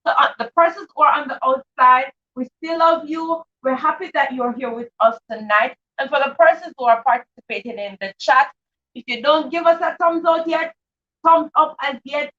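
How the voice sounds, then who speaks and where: Hosting a children's live read-aloud stream, this woman sounds high-pitched, pushed and bright as she eagerly welcomes viewers and frequently says things twice. Her audio comes through a dull, faraway livestream mic.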